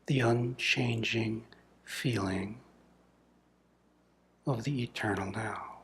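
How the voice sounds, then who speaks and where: A spiritual teacher with a lowish voice leads a guided meditation in the style of a contemplative satsang talk. He speaks softly and deliberately in measured phrases separated by long pauses, often breathy and trailing off toward a whisper.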